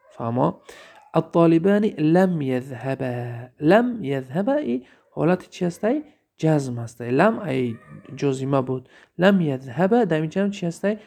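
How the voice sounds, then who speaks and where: Gravelly Tajik-accented man teaching grammar. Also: fairly high pitch, warm tone. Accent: Tajik Persian. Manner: explains step by step with quiz questions to the listener; reads example sentences slowly and deliberately. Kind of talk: recorded grammar lesson.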